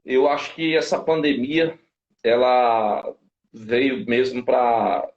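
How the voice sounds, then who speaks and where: A man's voice: mid-range voice, fairly even intonation, slow pace, lo-fi sound. A man in his thirties, a pastor, telling stories in a casual live-stream chat and acting out the people he quotes. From Brazil. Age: 30s. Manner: storytelling, acts out quoted dialogue.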